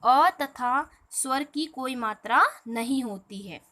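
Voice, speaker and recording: A woman teaching a primary school class, her voice high and bright. She explains step by step, repeats her own questions back to the pupils and calls them "beta". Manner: explains slowly, often asks and answers her own questions; draws out each letter sound aloud. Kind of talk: recorded online class lesson.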